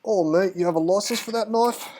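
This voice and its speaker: A cheeky, mocking bloke with a mock Australian accent, as a man puts him on, pitched well above his usual voice and pushed loud. He hams up the twang for a laugh. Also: fairly quick, a little hiss or hum, lightly acted. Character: mocking Aussie-style bloke, jokey.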